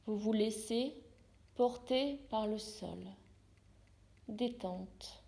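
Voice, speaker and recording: A woman with a slightly high, gravelly voice, a yoga therapist, guides a yoga nidra meditation. She is very slow, calm and unhurried, offering brief soothing instructions separated by pauses.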